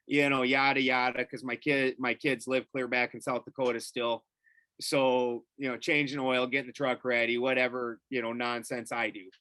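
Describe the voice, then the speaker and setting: Bright, profane middle-aged storyteller man. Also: mid-range voice, no echo. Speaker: podcast guest. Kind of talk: casual storytelling.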